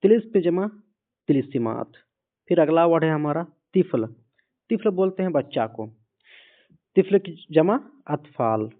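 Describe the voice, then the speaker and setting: A man patiently teaching a word list, saying each word and repeating it slowly. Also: fairly high pitch, animated. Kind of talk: vocabulary lesson. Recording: phone-like lo-fi audio.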